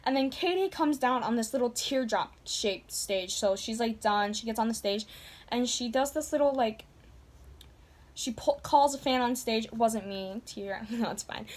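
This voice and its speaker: Gushing woman vlogger, fairly high voice. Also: moderate pace, a little mellow. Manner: gushing, heavy use of "like". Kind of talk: casual storytelling to camera.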